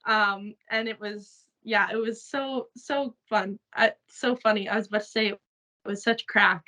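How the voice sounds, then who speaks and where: On a rough recording, the young Canadian actress from Saskatchewan speaks in a bright, forceful mid-range voice with fairly even intonation and a measured pace. She keeps the interview light, filled with fillers and frequent laughter.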